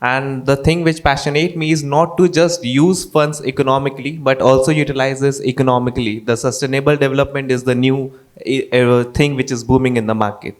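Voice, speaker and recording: A man's voice: mid-range voice, steady tone, a little fast. A young man, an earnest quiz contestant. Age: young adult.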